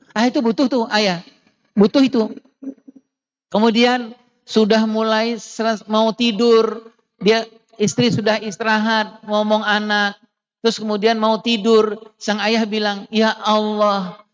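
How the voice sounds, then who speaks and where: A man giving a conversational religious parenting talk, chatting straight at the mothers in his audience and often adding little tag phrases to keep them with him. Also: high-pitched. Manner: softens into gentle acted quotes to children. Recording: dull lo-fi recording.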